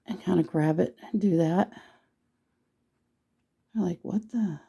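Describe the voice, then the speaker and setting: A hoarse woman with a gravelly voice, chatting casually and teasing herself while she teaches a painting tutorial. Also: on the low side, steady tone, a little slow, mellow. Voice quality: gravelly, husky voice. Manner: chatty, self-deprecating, thinks aloud while painting.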